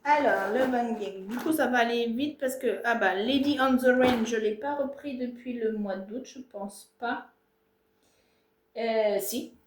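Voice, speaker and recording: A woman's voice: on the high side, measured pace, echoey room, background noise. A woman presenting her cross-stitch projects in a casual, self-mocking home vlog, full of fillers and asides, filmed on a tripod. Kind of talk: casual show-and-tell vlog. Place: home, filming herself on a tripod. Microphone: tablet or camera on a tripod.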